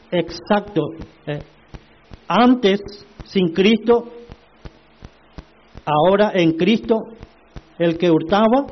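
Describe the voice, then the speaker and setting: A man preaching a sermon, slow and emphatic, asking the congregation rhetorical questions. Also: sits high, muffled recording.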